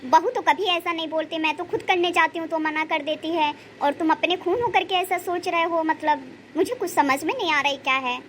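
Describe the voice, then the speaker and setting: Woman voicing a sentimental mother-in-law, high-pitched, prayerful, doting, cartoon story. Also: a little fast, fairly bright tone, a little hiss or hum. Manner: sentimental, prays aloud and praises. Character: emotional older Indian mother-in-law, pious and doting.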